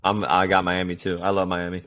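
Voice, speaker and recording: A man's voice: sits low, completely flat delivery, a little fast, a bit bright. A man hosting a casual football podcast, jokey and playful. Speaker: podcast host. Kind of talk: casual sports chat.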